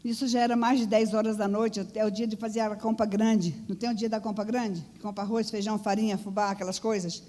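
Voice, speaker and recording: A woman's voice: medium pitch, flat delivery, fast talker, hardly any pauses, dark tone. A woman preaching in church, telling a personal testimony in an earnest storytelling way. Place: church hall. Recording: long church-hall reverb.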